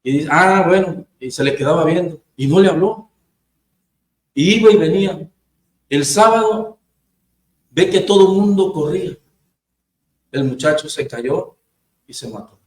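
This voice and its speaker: A man's voice: fairly high pitch, expressive, a little slow, pauses often, a little hiss or hum. A man preaching informally, telling stories and acting out short quoted exchanges. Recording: roomy echo with faint ambience.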